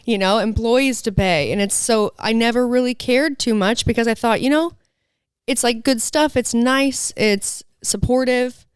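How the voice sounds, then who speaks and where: A woman's voice: on the high side, measured pace, clean tone, no room sound, studio quality. A woman co-hosting a podcast who owns a fitness channel and talks candidly in chatty, filler-heavy casual conversation. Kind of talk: casual chat.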